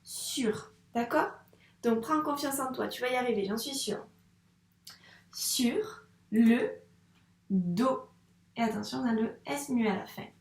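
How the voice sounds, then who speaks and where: A woman's voice: on the high side, creaky. Patient woman teacher, roomy echo. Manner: patient, encouraging, slow and careful. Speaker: first-grade teacher. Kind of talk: reading lesson for young children.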